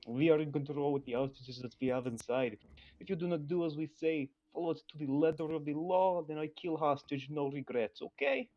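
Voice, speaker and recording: A man's voice: fairly high pitch, a little fast, pitched above the performer's own voice, natural voice. A man voicing a menacing male bank robber with a put-on Russian accent and broken English, over a dull lo-fi voice chat. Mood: threatening. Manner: broken English, threatening, curt.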